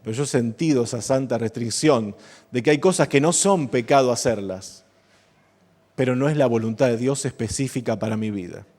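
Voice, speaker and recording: Emphatic preacher in a reverberant church. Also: male voice, mid-range voice, normal speed, darkish tone. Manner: emphatic, builds to impassioned exhortation. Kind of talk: sermon. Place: evangelical church service. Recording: long church reverb, faint instrument music.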